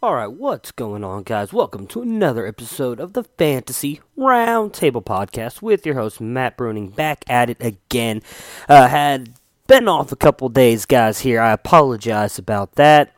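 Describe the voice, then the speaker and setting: A man hosting a casual solo podcast about fantasy football, talking informally and haltingly while getting over an illness, with a faint nose whistle when he breathes. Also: medium pitch, sing-song, no room sound, studio quality. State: getting over strep and fever. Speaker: podcast host.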